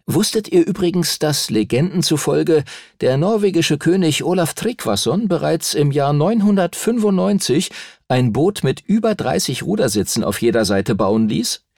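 A man's voice: fairly high pitch, animated, normal speed, gravelly, darkish tone, no room sound, studio quality, pitched above the performer's own voice. Man doing a know-it-all bookish boy. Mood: lecturing. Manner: lecturing, clipped. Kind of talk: audiobook character voice.

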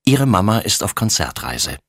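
A man narrating a children's storybook as an audiobook reader, with an expressive storytelling melody. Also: on the low side, moderate pace, breathy edge, no room sound, clean studio sound.

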